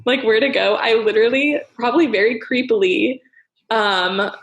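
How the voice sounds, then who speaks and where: A woman's voice: on the high side, normal speed, muffled recording. Rambling young woman podcast host. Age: young adult. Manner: rambling, filler-heavy, laughs often. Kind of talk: casual chat.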